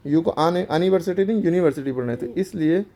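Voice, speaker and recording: Male teacher, mellow voice. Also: fairly high pitch, expressive, a little fast. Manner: explains step by step, asks and answers his own questions. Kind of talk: grammar lesson for schoolchildren.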